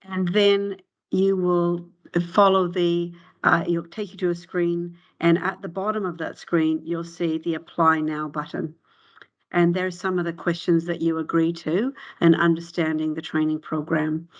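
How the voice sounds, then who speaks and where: A woman presents an online info session on a video call, explaining the steps in a relaxed way with frequent ums and uhs. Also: fairly low pitch, highs cut off. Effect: heard on a video call. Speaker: recruitment presenter.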